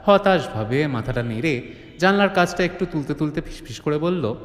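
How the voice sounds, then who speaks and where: In a theatrical, suspenseful manner, a man tells a scripted horror-comedy tale at a moderate pace. His voice is on the high side and animated, and the recording carries reverb and faint ambient noise.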